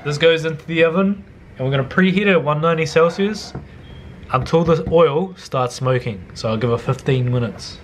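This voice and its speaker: Here the same kind of speaker, a young Kiwi cooking vlogger, talks through a home-kitchen recipe at a moderate pace over a noisy background. His delivery is casual and full of slang, with offhand swearing and regular slides into quiet muttering.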